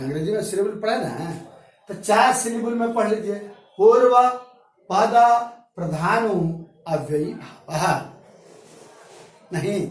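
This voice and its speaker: A man teaching Sanskrit grammar in a classroom, repeating key terms slowly and asking and answering his own questions. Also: high voice, a bit bright. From Bihar, India. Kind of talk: classroom lecture. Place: echoey classroom. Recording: very echoey room from far off, faint music.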